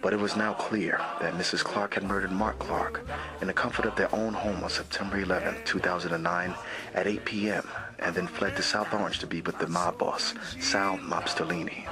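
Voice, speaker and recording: A man playing a wry, crude police detective, narrating a case in mock-serious, deadpan hard-boiled style. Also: low voice, moderate pace, close to an everyday voice. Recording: music behind the voice. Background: music.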